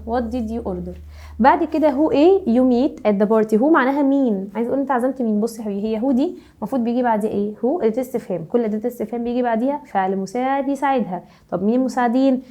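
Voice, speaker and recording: Fast-talking Egyptian woman teacher, slightly high and mellow, drilling grammar with rhetorical questions. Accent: Egyptian Arabic. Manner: brisk, keeps asking rhetorical questions. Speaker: English teacher. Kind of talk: grammar lesson for middle schoolers.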